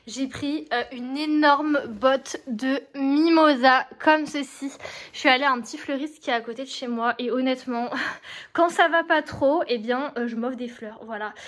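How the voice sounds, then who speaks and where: A woman's voice: sits high, slight background noise. A young woman from France vlogging casually from her apartment, chatty and enthusiastic, with frequent fillers.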